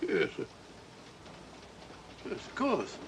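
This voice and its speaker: High-voiced blustery British Doctor Watson. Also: male voice, huge pitch swings, extremely slow, creaky, full character voice. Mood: tipsy, pompous. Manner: blustery, self-important. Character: bumbling, proud, well-meaning gentleman doctor, a detective's sidekick. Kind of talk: 1940s film acting. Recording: noisy old 1940s film soundtrack, train rumble.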